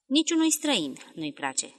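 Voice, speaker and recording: A woman's voice: sits high, very animated, pitched above the performer's own voice. A woman reading as a curt young male schoolteacher. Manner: curt, guarded. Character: short stiff young male village schoolteacher. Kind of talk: audiobook dialogue reading.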